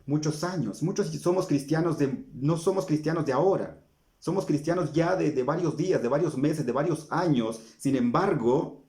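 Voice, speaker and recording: A man's voice: a little high, normal speed, darkish tone. A man preaching a sermon in an earnest, pleading way, often stopping to ask his listeners questions. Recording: roomy echo.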